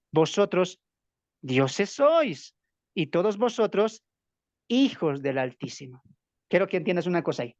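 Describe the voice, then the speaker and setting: This high-voiced man from Bolivia speaks with a Bolivian Spanish accent as he teaches a Bible study lesson. He is emphatic, firing off rhetorical questions and answering them himself. The recording is muffled, with no room sound.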